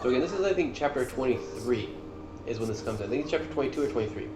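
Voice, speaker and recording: A gaming video host talks very fast in a medium-pitched, lively voice over a noisy background. He rambles informally over game cutscenes, swearing mildly, with a roomy echo and game music playing behind him.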